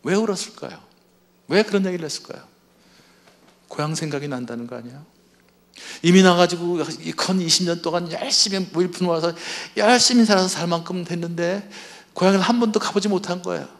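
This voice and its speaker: A man with a fairly high voice speaks to a church audience at a marriage seminar. He keeps quizzing the listeners and slips into playing husbands and wives as he goes. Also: brisk, gravelly. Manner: asks the audience questions and acts out spouses' lines. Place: church hall before an audience.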